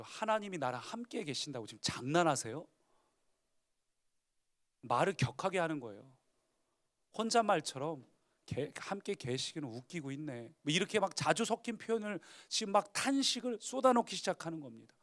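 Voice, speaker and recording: A man's voice: sits high, fairly bright tone. A male pastor preaching a Sunday sermon, dramatically retelling scripture and rising to emphatic declarations.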